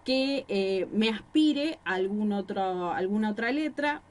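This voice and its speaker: A woman's voice: medium pitch, expressive, measured pace, a little mellow. Rosario-accented woman teacher, patient explainer, poses questions and answers them, mic in small room. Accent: Rosario Argentine Spanish. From Rosario, Argentina. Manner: explanatory, gives examples and asks rhetorical questions. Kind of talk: recorded class lecture. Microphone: microphone.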